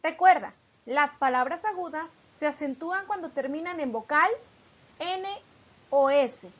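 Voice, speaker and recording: A woman from Mexico, a teacher narrating a recorded lesson, explaining patiently and reading examples slowly. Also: high voice, muffled recording.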